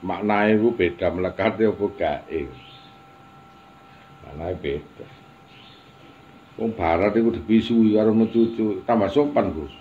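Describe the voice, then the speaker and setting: A man's voice: on the low side, measured pace, pauses often, narrow, tinny audio, a little hiss or hum. A man giving an informal religious talk, chatty, with teasing asides. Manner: chatty, mixing Javanese and Indonesian, teasing asides. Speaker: religious teacher.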